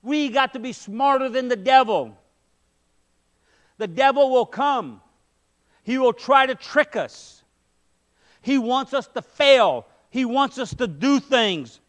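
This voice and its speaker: A man's voice: extremely high pitch, expressive, slow, long pauses, fairly bright tone. A middle-aged man preaching a sermon in a church sanctuary, emphatic, with rhetorical questions, on a headset mic. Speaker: pastor. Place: church sanctuary, medium-sized, indoors.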